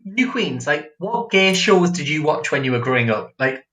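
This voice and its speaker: Bright-voiced chatty male drag host. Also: fairly high pitch, big pitch swings, normal speed. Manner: giggly, chatty, reads out viewer comments. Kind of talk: casual livestream chat. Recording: echoey room.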